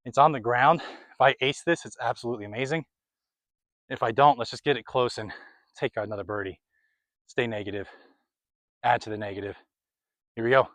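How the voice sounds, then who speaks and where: Young male vlogger, outdoor play-by-play, winded, mid pitch, dry close sound. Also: a little fast, long pauses, a bit bright, no room sound. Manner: chatty, running commentary between throws. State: out of breath. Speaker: disc golf vlogger. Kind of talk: casual play-by-play commentary. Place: outdoors on a disc golf course.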